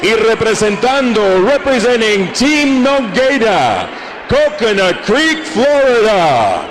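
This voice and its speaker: A man with a high-pitched voice works as a bilingual fight ring announcer. His delivery is showy, lucha libre style, with drawn-out names. There is faint noise behind him. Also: very animated, fairly bright tone. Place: live fight arena.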